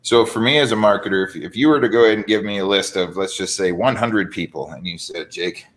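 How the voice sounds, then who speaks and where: Deep-voiced man hosting, salesy. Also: fast, poor audio. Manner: energetic salesy talk with many "right?" tags. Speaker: host. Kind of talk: casual business interview.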